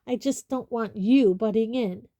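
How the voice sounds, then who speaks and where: A woman's voice: a little high, unhurried, warm tone, dry recording, lightly acted. A woman voicing an arrogant, defensive teenage boy who snaps angrily. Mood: angry, defiant. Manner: angry, snappish.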